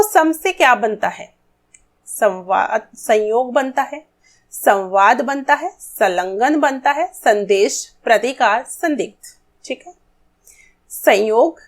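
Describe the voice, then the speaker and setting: A woman with a high, bright voice gives a lesson to schoolchildren. She talks to them directly and asks questions that she answers herself in a patient teaching tone. Her delivery is that of a classroom explanation.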